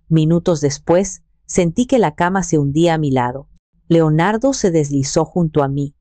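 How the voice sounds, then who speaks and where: A woman telling a dramatic story in the first person as a calm, scripted narration. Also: sits low, dry recording.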